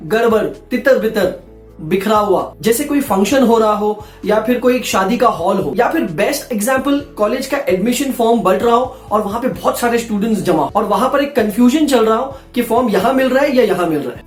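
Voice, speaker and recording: Speaking at normal speed in a high voice with lively intonation, a man who works as a voice-over artist teaches pronunciation in a relaxed, playful way, treating his viewers like friends. Faint music plays behind him, and the room echoes.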